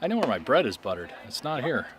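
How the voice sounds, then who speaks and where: A man's voice: mid-range voice, big pitch swings, quick pace. Chatty man calling a baseball game. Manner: chatty, self-deprecating, jokes with co-host. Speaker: play-by-play announcer. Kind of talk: high school baseball commentary.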